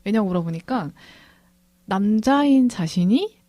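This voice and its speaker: A woman co-hosting a podcast, calmly retelling a conversation as she discusses a film. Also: mid-range voice, a little slow, dry recording. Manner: thoughtful, retells a conversation at length. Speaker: podcast co-host, film director.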